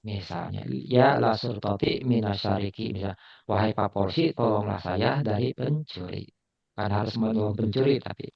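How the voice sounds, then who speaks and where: A man's voice: on the low side, normal speed, vocal fry. A man teaching Arabic grammar in an online class, patient and repetitive, sometimes laughing at his own slips. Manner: patient, repeats phrases, admits slips with a laugh. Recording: dull lo-fi online call audio.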